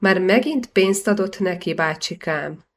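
A woman's voice: medium pitch, expressive, close to an everyday voice. Woman reading as a reluctant young nephew. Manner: quiet, reluctant. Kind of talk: audiobook character reading.

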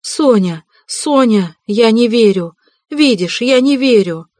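Woman doing a hoarse, shrill, desperate widow. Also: animated, slow pace, no room sound. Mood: anguished. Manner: frantic pleading shouts. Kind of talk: audiobook reading.

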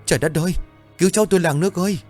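A man's voice: lowish voice, fairly quick, soft background music, lightly acted. A man voicing an elderly village grandmother who scolds her grandson and cries out for help. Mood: frantic. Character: elderly village grandmother, stern then frantic.

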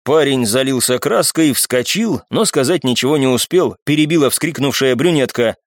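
A man narrating an audiobook in an expressive, scripted reading. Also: mid-range voice, moderate pace, dry recording, clean studio sound.

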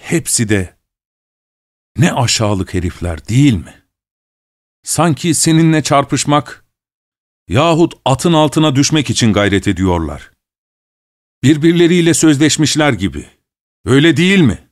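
A man's voice: low-pitched, big pitch swings, slow pace, pauses often, smooth, no room sound, studio quality, pitched below the performer's own voice, heavily acted. A man voicing a sarcastic, impatient army officer in a storybook reading. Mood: sneering. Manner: sneering, sarcastic.

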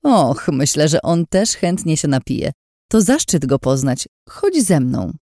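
A woman's voice: low-pitched, very animated, measured pace, mellow, dry recording, clean studio sound, heavily acted. A woman voicing a sweet but scheming young woman who gives orders in an overly sweet, insistent tone.

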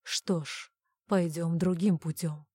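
A woman voicing a cold, detached male mentalist villain in an audiobook, speaking slowly and softly with quiet menace. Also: on the low side, steady tone, breathy edge, dry recording, studio quality. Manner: slow, soft-spoken and coolly menacing. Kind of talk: audiobook character voice.

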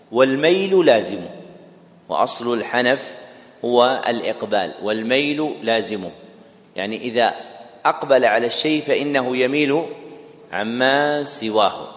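A man lectures a class at a middle pitch, spelling out each point and repeating key phrases. He often stops to quiz his listeners. The sound carries a long, echoing hall reverb. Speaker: teacher explaining a text.

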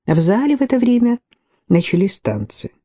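A woman's voice: mid-range voice, wildly swooping pitch, moderate pace, mellow. A woman reading a detective novel aloud as an audiobook narrator. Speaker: audiobook reader.

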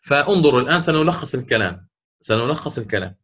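A man's voice: mid-range voice, animated, fast, a bit bright. A middle-aged sheikh teaching Quran recitation rules in a classroom lecture, explaining step by step, repeating key words and quizzing his students.

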